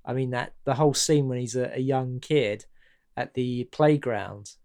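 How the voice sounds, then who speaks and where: A man's voice: medium pitch, a little slow, a little mellow. A man in casual chat about a film, hesitant and full of restarts, laughing often. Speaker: podcast guest discussing a film.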